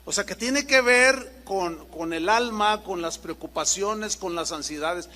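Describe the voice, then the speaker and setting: Pastor, high bright voice, very lively sermon delivery, echoing church hall. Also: male voice, unhurried. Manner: lively, acts out little dialogues, rhetorical questions.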